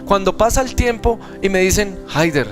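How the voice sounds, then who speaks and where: A man's voice: a little high, brisk, over music. A young man with a Colombian Spanish accent preaching at a seminar, telling a personal testimony and acting out the voices in it. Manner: earnest storytelling, acts out dialogue in other voices. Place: seminar hall.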